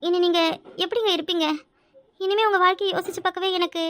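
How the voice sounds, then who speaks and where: A woman voicing a devoted young wife who speaks softly and earnestly. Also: very high-pitched, steady tone, fast talker, no room sound. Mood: tender.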